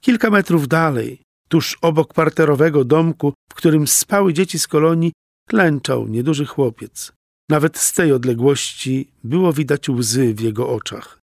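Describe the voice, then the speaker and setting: Gravelly-voiced man reading a children's story. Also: fairly high pitch, animated, moderate pace, dry recording, studio quality. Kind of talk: children's audiobook narration.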